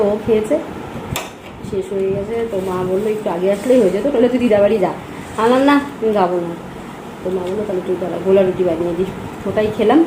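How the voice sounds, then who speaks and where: A young woman talking casually to her viewers from her home as she goes about her day, chatty and homely, speaking straight to the audience. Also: mid-range voice. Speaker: home vlogger, young mother. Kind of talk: casual vlog narration. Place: at home, kitchen. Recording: echoey room with clear household noise.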